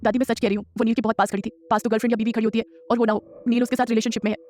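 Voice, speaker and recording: A man's voice: extremely high pitch, little pitch movement, rapid-fire, a little mellow, slight background noise, voice pushed up. A man voicing a tearful, lovesick young woman in an audio story. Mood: sulky. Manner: pleading, sulky.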